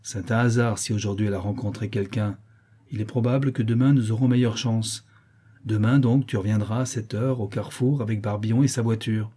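A man voicing a cold, calculating brigand in an audiobook, calm and authoritative. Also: on the low side, fairly quick, breathy edge. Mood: commanding.

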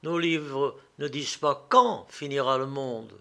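Un homme qui lit une histoire et prête sa voix à un frère jardinier, un moine doux et docile. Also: male voice, mid-range voice, a little slow, vocal fry, bright, forceful tone. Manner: mild, docile. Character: gentle, calm male monk gardener.

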